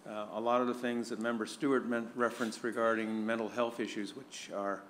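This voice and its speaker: A man who is vice chair of a police board, giving a tribute at a meeting, halting and searching for words with many fillers. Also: medium pitch, level tone, a little hiss or hum.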